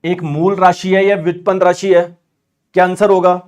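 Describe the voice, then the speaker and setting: Lively man teaching physics, slightly high voice. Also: moderate pace. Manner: lively, asks and answers his own questions; acts out students' objections in asides. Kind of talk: exam-prep physics lesson.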